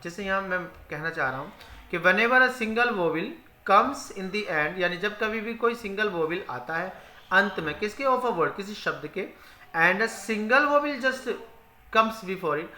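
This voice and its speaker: Spelling rules are the subject of this spoken grammar lesson from a male English teacher with a high, pushed and bright voice. He restates every rule in Hindi and asks questions that he answers on his own. The recording sounds echoey.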